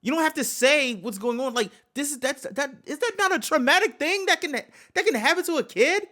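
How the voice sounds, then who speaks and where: A man's voice: very high-pitched, animated, brisk, pushed and bright. A man hosting a reaction video, talking casually in a heated, rambling way, swearing often and restarting his sentences.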